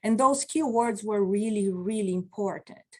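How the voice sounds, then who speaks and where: A non-native English-speaking woman in her forties, a medicine practitioner, teaches an online continuing-education lecture over a video call webcam from a small office. Her mid-range voice is slow, earnest and encouraging, and she reads out replies from the chat.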